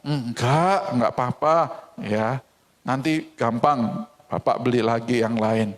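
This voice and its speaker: A man voicing a kind older neighbor who gently forgives a boy. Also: mid-range voice, slow pace, voice pushed down, natural voice. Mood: gentle. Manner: soft, gentle, fatherly.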